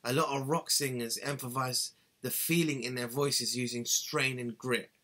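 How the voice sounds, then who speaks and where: Medium-pitched and sharp-toned, the man's voice moves at a moderate pace with fairly even intonation. He's a singing tutor in his thirties presenting a scripted how-to lesson to a webcam from a small, cluttered bedroom, earnest and instructive, gesturing with both hands.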